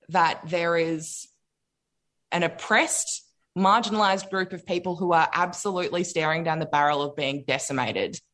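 A woman's voice: fairly low pitch, a bit bright. An Australian woman speaking in an impassioned political discussion, emphatic and indignant, repeating phrases for weight.

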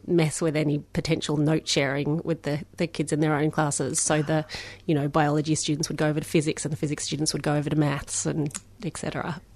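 A woman author answers questions about her novel. She talks slowly and thoughtfully, pausing often. Her voice is very low and gravelly, recorded close and dry. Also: no echo. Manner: measured and reflective, with many fillers. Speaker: author being interviewed.

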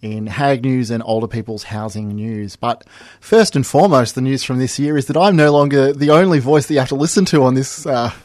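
A man's voice: medium pitch, fairly quick, darkish tone, no echo. Man hosting radio in a dry studio. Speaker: radio show host.

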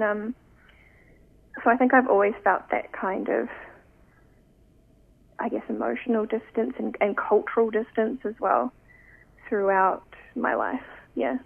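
Young nz woman, thoughtful artist guest, raspy fry, sounds like a phone call. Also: mid-range voice. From New Zealand. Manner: thoughtful, searching, many pauses. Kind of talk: reflective interview talk. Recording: tinny phone-line sound.

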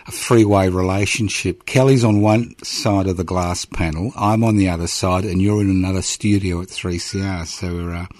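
Older aussie guy hosting a radio chat, teasing and chatty, lowish voice, dry studio mic. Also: fairly even intonation, moderate pace, few pauses, a little mellow, no echo. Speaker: radio host. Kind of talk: casual radio interview.

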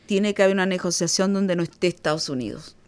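A woman's voice: on the low side, fast. A Chilean woman in her sixties with a Chilean accent, speaking as a guest commentator in an earnest, reflective radio conversation.

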